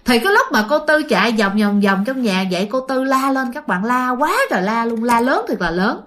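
A woman with a Southern Vietnamese accent tells a ghost story in a loose, chatty voice. Her pitch sits a little high. She fills her sentences with small fillers and keeps speaking to her listeners. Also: lively intonation, brisk, a bit bright. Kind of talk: casual ghost story narration.

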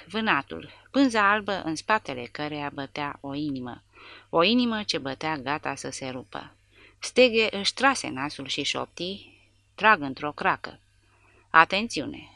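A woman narrating an audiobook in a measured, dramatic reading. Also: sits low, lively intonation, sharp tone, no echo. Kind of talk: scripted narration.

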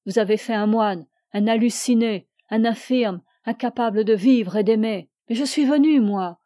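A woman's voice: a little high, mellow, no echo, studio quality, natural voice. A woman reading aloud and voicing a passionate, possessive young woman who speaks with scorn and rising cries.

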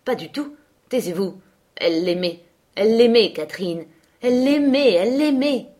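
A woman's voice: medium pitch, moderate pace, natural voice. A woman reading aloud, voicing a sickly, spiteful teenage boy with a whiny, taunting manner.

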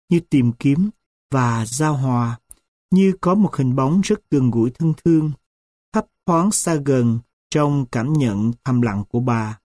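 A man reading a first-person story aloud as an audiobook narrator, in a slow, solemn and reflective way. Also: medium pitch, darkish tone, no room sound, studio quality.

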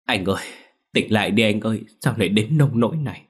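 A man with a deep, husky voice playing an anxious younger brother who pleads through held-back tears. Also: animated, quick pace. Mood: pleading. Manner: pleading, choked.

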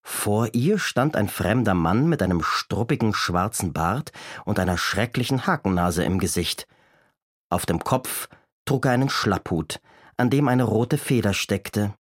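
A man reads a children's story aloud with an animated, expressive delivery. His pitch rises and falls freely, and the reading is carefully paced. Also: husky, dry recording, studio quality. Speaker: narrator.

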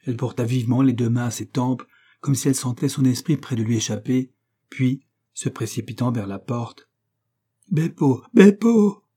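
A male narrator reading a classic novel with measured, expressive pacing. His voice is dark and mellow with a husky grain, and he gives the prose a steady, theatrical sweep. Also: medium pitch. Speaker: audiobook reader. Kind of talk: literary audiobook narration.

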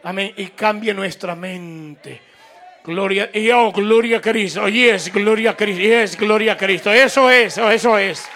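A man with a high-pitched, sharp voice delivers a fervent evangelical sermon as a radio preacher, unhurried in pace. He drives his points home through repetition and rising exhortation, calling on listeners to respond. A faint crowd and slight background noise sit behind him.

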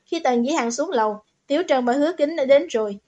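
A woman narrating a novel as an audiobook, in steady, even storytelling. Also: sits high, a little fast, lo-fi sound.

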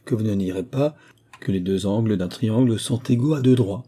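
A man's voice: fairly low pitch, moderate pace, warm tone, natural voice. A man voicing a boastful, mocking country squire in an audiobook, with showy, pseudo-learned bluster. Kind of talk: audiobook character reading.

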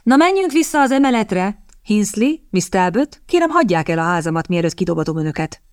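A woman voicing a smug, scheming lord who drawls his words slowly and sardonically in an audiobook. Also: medium pitch, big pitch swings, darkish tone, smooth, dry recording, clean studio sound, natural voice.

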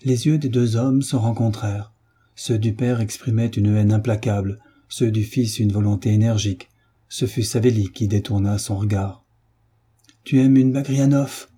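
Dark, husky man reading a novel. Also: fairly low pitch, little pitch movement, moderate pace. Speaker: audiobook reader. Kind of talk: literary narration.

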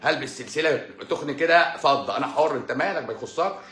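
An Egyptian man rattles off a sarcastic, scolding live-stream monologue at a rapid clip. His voice sits a little high and he repeats phrases to drive his points home. The room is echoey, with faint music underneath. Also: lively intonation, fairly bright tone. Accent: Egyptian Arabic. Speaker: doctor answering viewer comments on a live stream.

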